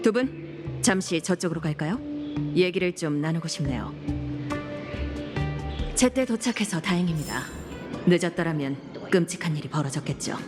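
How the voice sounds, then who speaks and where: A woman's voice: low voice, animated, normal speed, long pauses. A woman playing a law-abiding sheriff in a game, speaking with formal, courteous authority. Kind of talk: scripted game voice acting. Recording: music behind the voice.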